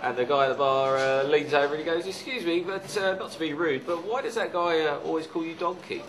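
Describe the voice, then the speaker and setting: A man telling a joke slowly and hesitantly, with uhs. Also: a little high, a crowd in the background. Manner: slow, hesitant.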